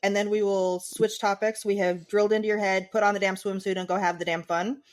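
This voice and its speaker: A woman co-hosts a podcast in relaxed, casual chat. She swears freely and keeps the show moving between segments. Her voice sits at an even middle pitch. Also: a little fast. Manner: laid-back, cusses casually, steers the show. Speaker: podcast co-host.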